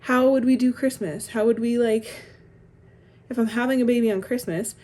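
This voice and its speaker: A woman's voice: fairly high pitch, normal speed, warm tone. A young pregnant woman talking casually to camera in a vlog, rambling with lots of fillers and little laughs. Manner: rambling, frequent "like" fillers, laughs between phrases. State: heavily pregnant. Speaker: vlogger.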